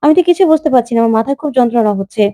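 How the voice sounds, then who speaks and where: A confused young husband lying in a hospital bed, voiced by a woman, who asks bewildered, pleading questions. The voice is mellow and a bit high, and the sound is dry and close. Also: very fast, no echo, lightly acted.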